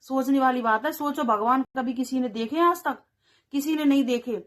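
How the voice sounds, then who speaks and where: Earnest woman vlogger lecturing, higher voice. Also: moderate pace, a bit bright. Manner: earnest, preachy, repeats phrases for emphasis. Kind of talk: moral advice talk to camera.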